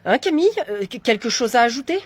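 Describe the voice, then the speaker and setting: A woman's voice: fairly high pitch, lively intonation, fast, lightly acted. A woman playing a flustered, hesitant man in trouble at work, stumbling over fillers. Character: flustered male employee in trouble. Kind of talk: comedy skit acting.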